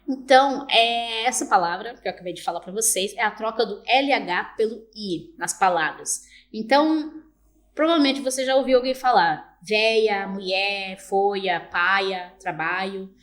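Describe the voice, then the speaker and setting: A woman lecturing online, explaining step by step, checking in with "tá?" and sounding out example words slowly. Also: mid-range voice, lively intonation. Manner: explanatory, with frequent restarts and checking "tá?". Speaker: university lecturer.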